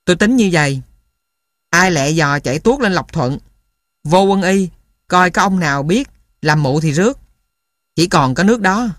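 A man reading a story and voicing a gruff, blunt older guerrilla man. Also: high voice, expressive, normal speed, pauses often, a bit bright, no echo, studio quality. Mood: decisive.

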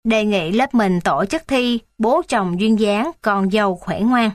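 A woman reading aloud old class diary entries in a calm, lightly amused way. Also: medium pitch, takes it slowly, no room sound.

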